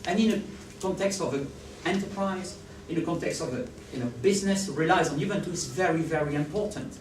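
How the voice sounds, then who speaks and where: A conference speaker with a French accent and a fairly high voice talks a little fast, presenting with animation and frequently asking the audience whether they follow and agree. He's heard from a distance in a spacious hall with slight background noise.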